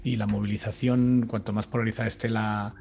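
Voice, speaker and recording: A man's voice: fairly low pitch, little pitch movement, a little fast, vocal fry, a little mellow, soft background music. A man giving analytical, emphatic commentary on a talk show as a political analyst.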